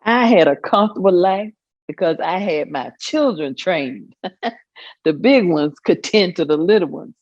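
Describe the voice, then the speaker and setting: An actress plays a proud, amused older mother with a Southern US accent, chuckling through folksy stories in a staged reading of oral history. Her fairly low, darkish voice is animated and measured in pace. The recording is dry and lo-fi.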